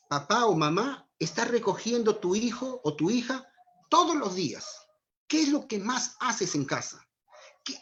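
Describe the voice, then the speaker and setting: A man's voice: very high voice, a bit bright. A man giving an earnest online parenting talk with a Peruvian Spanish accent, speaking straight to mothers and fathers and asking them rhetorical questions. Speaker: parenting lecturer. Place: home during lockdown. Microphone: video call. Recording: dull lo-fi stream audio.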